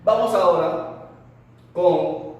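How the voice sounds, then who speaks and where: A man's voice: sits high, extremely slow, heavy reverb, big-room sound, distant mic, poor audio. A man teaching a language lesson, patiently saying words and asking the learner to repeat after him.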